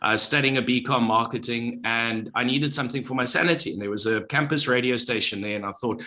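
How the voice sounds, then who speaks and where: Man, middle-aged, guest on a podcast, radio presenter, projected voice, bright tone. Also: medium pitch, brisk, a little hiss or hum. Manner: confident, projected presenter delivery. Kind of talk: podcast interview.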